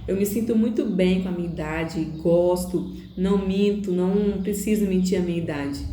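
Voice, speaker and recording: A middle-aged woman hosting a reflective monologue, unhurried, with soft laughs and frequent tag questions. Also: mid-range voice, slight background noise. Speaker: host. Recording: echoey room.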